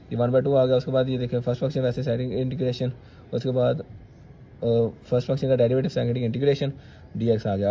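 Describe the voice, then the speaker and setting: A man's voice: mid-range voice, warm tone, a little hiss or hum. A male maths teacher, talking students through each step of a solution and checking in with "theek hai".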